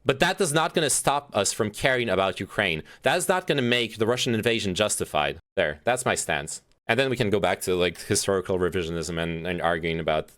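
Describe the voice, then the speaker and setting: On his stream, a young man reads chat messages out loud and responds, talking politics with plenty of fillers, restarts and free swearing. His voice is on the low side and fairly bright, expressive and fairly quick, with few pauses.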